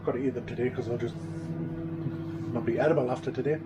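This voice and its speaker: A man's voice: mid-range voice, steady tone, fast, very noisy. Rambling man, home diary. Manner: rambling, chatty, trailing off mid-sentence. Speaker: vlogger. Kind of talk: casual home video diary. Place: living room at home.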